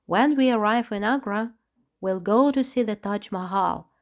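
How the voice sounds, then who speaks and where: A woman voicing an excitable male chipmunk detective in a children's audiobook, talking eagerly. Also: mid-range voice, normal speed, close to an everyday voice. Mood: earnest.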